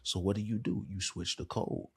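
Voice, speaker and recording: Deep husky man with a DC accent. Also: fairly even intonation, normal speed. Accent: Washington DC. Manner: candid, conversational, colloquial. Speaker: podcast host and licensed therapist. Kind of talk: casual monologue.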